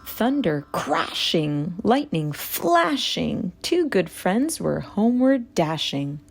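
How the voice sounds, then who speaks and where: A woman narrating a rhyming children's story in an expressive read-aloud style. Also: lowish voice, slow pace, gravelly, breathy edge, faint music behind.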